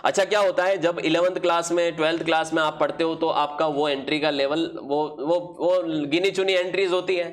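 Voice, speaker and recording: A man's voice: on the high side, little pitch movement, brisk, hardly any pauses. Man teaching accounting, self-answering questions. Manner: asks questions and answers them himself, mixing Hindi and English terms. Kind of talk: classroom lecture.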